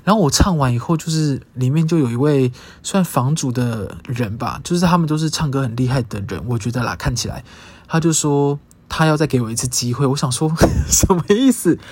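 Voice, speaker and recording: A man's voice: mid-range voice, lively intonation, a little fast, a little mellow, husky. A man with a Taiwanese Mandarin accent telling a story in a casual podcast monologue, chatty and self-mocking, breaking into bits of song. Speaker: podcast host.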